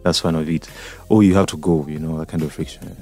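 Male guest from Uganda, low voice, easygoing and hesitant. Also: fast, soft background music. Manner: relaxed, hesitant with many ums. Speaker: singer-songwriter guest. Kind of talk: radio interview.

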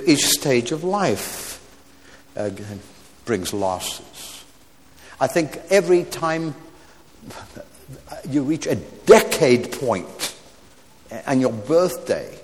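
A man in his seventies preaching a sermon, swinging from loud exclamations to quiet asides, with stammered restarts and wry humorous remarks. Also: on the high side, long reverb tail, slight background noise. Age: 70s.

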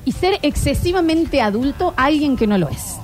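A woman in her thirties with an Argentine accent, hosting a casual chat and telling stories in an animated way with many filler sounds. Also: sits high, moderate pace, soft background music. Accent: Argentine Spanish. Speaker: streaming show host.

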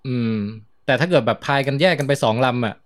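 Fast-talking playful man. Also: medium pitch. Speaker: podcast guest. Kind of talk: casual podcast chat.

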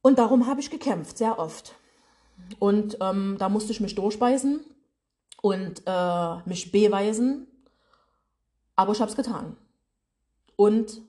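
A woman's voice: mid-range voice, mellow. A woman with a regional German dialect, a business and mindset coach giving a motivational podcast monologue from her office. She talks in a colloquial, direct way and speaks straight to her listeners.

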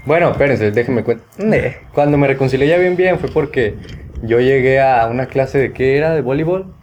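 A man's voice: mid-range voice, normal speed, a little mellow. A young man with a Mexican accent, co-hosting a casual chat with friends and telling stories full of slang and laughter. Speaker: podcast co-host. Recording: noisy background.

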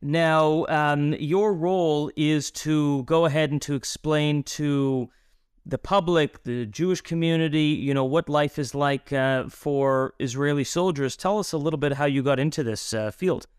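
A man hosting an interview podcast, asking questions with frequent pauses and restarts. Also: on the high side, clean tone, no room sound, clean studio sound. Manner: halting, many fillers and restarts. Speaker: podcast host.

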